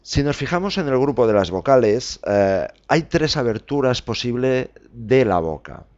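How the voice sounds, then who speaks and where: A man hosting a podcast lesson, slowly spelling out letters and examples with frequent fillers. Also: mid-range voice, very animated, darkish tone, highs cut off. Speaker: Spanish teacher podcast host.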